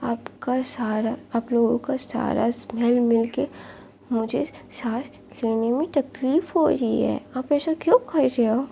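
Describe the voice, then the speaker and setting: A spoiled young man whines and pleads his way through every line, as a woman puts him on while retelling a story. The voice sits a little high and keeps a narrow, flat pitch contour. It has a gravelly, mellow texture. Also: a little slow, slight background noise. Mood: pleading. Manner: whining, pleading complaints.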